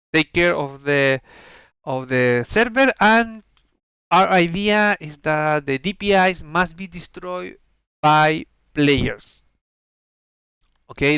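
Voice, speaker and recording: A man with a non-native English accent giving an explanatory game briefing in a halting, methodical way, searching for words. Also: fairly high pitch, a bit bright, clear, resonant tone, no echo. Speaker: organizer briefing players on campaign rules.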